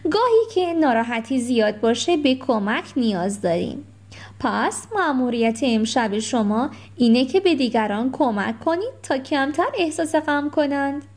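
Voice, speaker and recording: A woman's voice: high voice, animated, darkish tone. A woman voicing a kindly winged storybook guide. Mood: patient.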